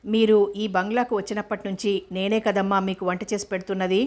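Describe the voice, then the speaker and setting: A woman's voice: mid-range voice, little pitch movement, fairly quick, lightly acted. A woman reading as a humble, pleading housemaid. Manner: soft, respectful pleading. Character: loyal, devoted housemaid, humble and earnest.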